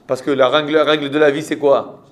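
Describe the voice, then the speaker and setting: A man's voice: on the high side, little pitch movement, fairly quick. A man with a French accent, a rabbi giving a Torah class and quizzing his students with rhetorical questions.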